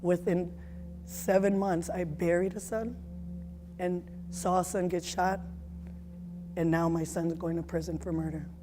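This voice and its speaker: A woman in her forties giving a personal testimony as a mother, speaking in an earnest, emotional, halting way. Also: fairly low pitch, little pitch movement, over music.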